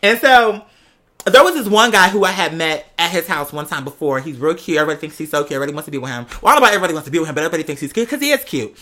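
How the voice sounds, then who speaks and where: A fast-talking American man with a high, sharp voice and lively intonation chats casually like a gossipy host. He tells personal stories with sassy flair and dramatic emphasis.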